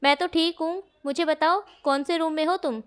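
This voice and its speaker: A woman reading out a cheeky young man in love in a storybook reading, teasing and affectionate. The voice is high. Plain, everyday delivery. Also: fairly even intonation, moderate pace, a bit bright. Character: cheeky, lovestruck young male student.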